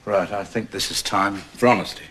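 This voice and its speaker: A man's voice: sits low, fairly even intonation, moderate pace, a bit bright. A middle-aged actor playing a wry, sardonic single father. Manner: dry, sardonic. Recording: hissy broadcast recording.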